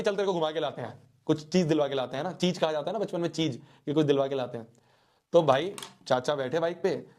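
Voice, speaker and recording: A young man, a teacher, telling a playful story to students in a lively way and talking straight to his audience. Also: fairly high pitch.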